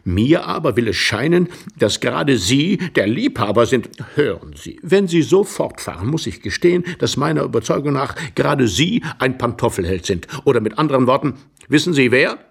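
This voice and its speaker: A man reading a story aloud, voicing a quarrelsome, impatient young man with a raspy voice. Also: mid-range voice, sing-song, exaggerated voice. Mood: scolding. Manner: impatient, scolding, quick-tempered. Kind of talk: dramatic literary reading.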